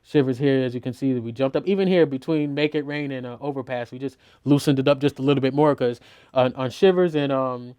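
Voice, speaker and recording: A man's voice: mid-range voice, fairly even intonation, fast talker, clear, resonant tone, dull audio. A middle-aged mix engineer talks through his mixing process in a studio, casual and loose, full of "you know" and restarts. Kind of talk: teaching a mixing walkthrough.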